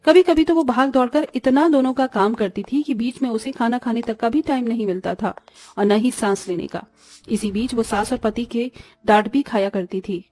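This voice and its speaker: A woman narrating a scripted family story in a plain, steady manner. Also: on the high side, normal speed.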